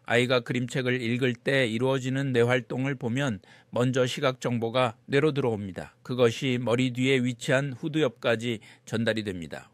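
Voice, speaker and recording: Guy reading out an explainer script, measured, medium pitch, very dry sound no room. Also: dry recording. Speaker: narrator. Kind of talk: scripted narration, reading aloud an informational parenting text.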